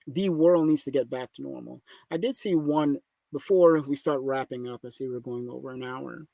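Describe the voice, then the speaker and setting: A man's voice: mid-range voice, normal speed, vocal fry, dark tone, no echo. A man hosting a podcast, talking politics in an emphatic, opinionated casual chat. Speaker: podcast host.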